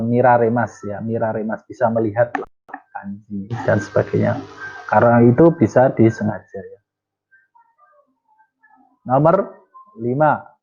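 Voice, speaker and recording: A man teaching Japanese in a casual lesson. He reads example sentences slowly, then translates and explains them. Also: medium pitch. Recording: tinny phone-like audio.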